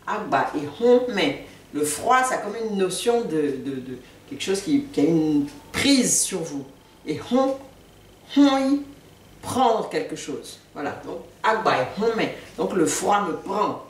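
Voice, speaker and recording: A woman giving a relaxed spoken language lesson, repeating each new word slowly and patiently. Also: fairly low pitch. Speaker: language teacher. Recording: echoey room, mic at a distance.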